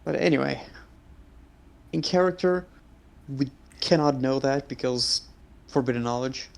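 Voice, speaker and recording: A man's voice: mid-range voice, unhurried, creaky. Earnest male player thinking aloud. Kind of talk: casual tabletop chat.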